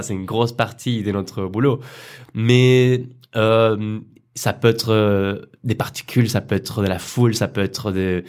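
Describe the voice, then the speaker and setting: A young man from Colombia with a Colombian Spanish accent, a guest in a casual podcast interview, relaxed and often laughing between hesitant fillers. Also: fairly low pitch. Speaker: guest, effects artist.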